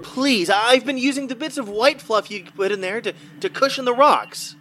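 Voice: medium pitch, normal speed, sharp tone, slight background noise, natural voice. An actor playing a frazzled human kept as an alien's pet, anxious and rambling. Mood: pleading. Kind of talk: comedy audio drama.

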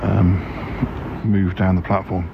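A man in his forties chats informally and hesitantly to podcast listeners while on the move. His voice is low, and the field recording is dull, with loud transport noise all around. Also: flat delivery, slow, gravelly. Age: 40s. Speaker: podcast host. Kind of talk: casual audio diary while travelling. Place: out and about at a station and on a train. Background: loud station and train noise.

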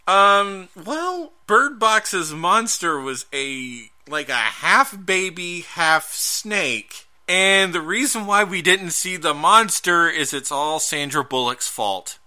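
A man with a very bright, forceful voice in casual chat, animated and quick to talk over his co-host. He restarts sentences as he goes, in plain conversational delivery. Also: high-pitched. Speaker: podcast co-host.

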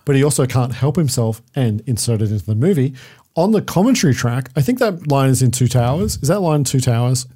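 A man talks through a film's plot on a podcast, relaxed and joking, chuckling as he goes. His voice is dark and mellow. He keeps the chat casual and dry. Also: medium pitch, fairly quick, breathy edge. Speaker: podcast co-host. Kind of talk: casual movie-review chat.

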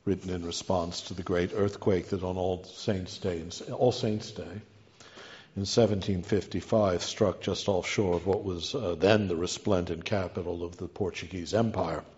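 Male lecturer, dark-toned and erudite, rhetorical read delivery, slightly muffled recording with long hall reverb. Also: deep voice, fairly even intonation, normal speed. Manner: erudite, ornate literary phrasing. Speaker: guest lecturer giving a talk. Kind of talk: scholarly lecture read from a prepared text.

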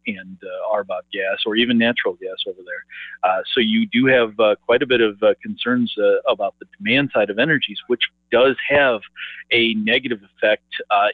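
A man speaking over the phone as a market analyst guest, halting and full of filler words and restarts. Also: lowish voice, dry recording. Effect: heard over the phone. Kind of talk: phone interview on grain markets. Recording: tinny phone line, dry.

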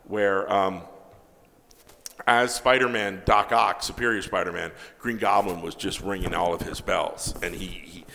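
A man with a lowish, gravelly voice tells stories as a comic book writer being interviewed. He is animated, acting out bits of dialogue and cursing freely, and his voice rings with a long reverb. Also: a little slow, slight background noise. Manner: animated, acts out quoted dialogue, swears freely. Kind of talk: casual anecdotal storytelling.

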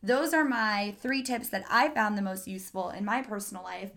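A woman's voice: mid-range voice, moderate pace, a bit bright. A young woman giving casual life advice in a vlog, chatty and self-deprecating, laughing at herself now and then. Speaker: vlogger giving life tips.

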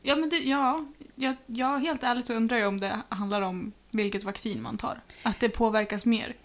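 A young woman co-hosting a podcast in casual chat, teasing and mocking herself. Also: on the high side. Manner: teasing, self-mocking banter. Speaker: podcast co-host.

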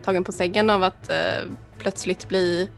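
En kvinna som spelar rollspel och pratar tvekande med många "eh". Rösten är ganska låg och knarrig, och svag musik hörs bakom. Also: female voice, on the low side, level tone, faint music behind. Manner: hesitant, many "eh" fillers. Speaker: player. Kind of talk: casual role-play talk.

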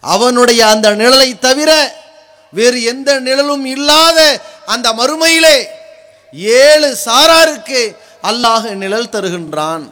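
Man preaching like a thundering orator, really high pitched, slow deliberate pace, forceful short phrases. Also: expressive. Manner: forceful, declamatory, rhetorical build-up in short phrases.

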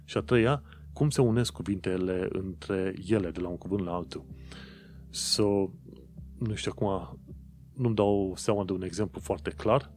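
A man's voice: sits low, a little mellow. A man talking casually to his viewers and explaining things in an informal, chatty way with frequent fillers and restarts. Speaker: vlogger.

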